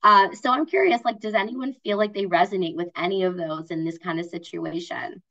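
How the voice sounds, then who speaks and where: A woman's voice: medium pitch, fairly quick, fairly bright tone, dull audio. A woman presenting an online wellbeing workshop, chatty and acting out example voices.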